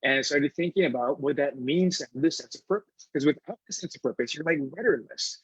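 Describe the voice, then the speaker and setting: A man's voice: a little high, fast talker, slightly rough, dry recording. A middle-aged man from Hawaii, a guest speaker telling a personal story at a workshop in an earnest, conversational way with many fillers. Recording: slightly dull, dry recording.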